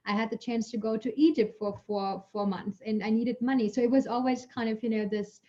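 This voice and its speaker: A chatty German woman, a native German speaker, gives casual Q&A answers as a guest scientist over muffled, mellow call audio. Her voice is a little high and brisk. She's a lively storyteller, full of fillers and laughing while she talks.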